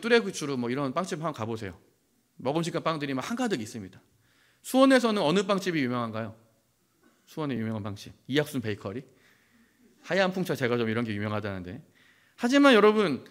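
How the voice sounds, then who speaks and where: Male pastor, young adult, animated sermon delivery with a lively, fairly high voice. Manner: animated preaching, rising to stress points, asks the congregation questions. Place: church.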